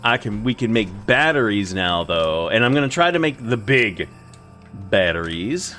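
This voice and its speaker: Male let's-play host, casual running commentary, animated pitch, talks to himself. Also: normal speed, soft background music. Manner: chatty, talks to himself while playing. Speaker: gaming video host.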